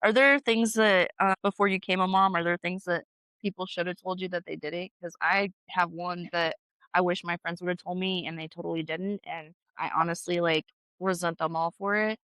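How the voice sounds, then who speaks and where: Blunt, swearing mom chatting, dry sound. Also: female voice, lowish voice, moderate pace, clear, resonant tone, dry recording. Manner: blunt, swears freely, animated storytelling. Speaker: podcast co-host. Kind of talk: casual chat.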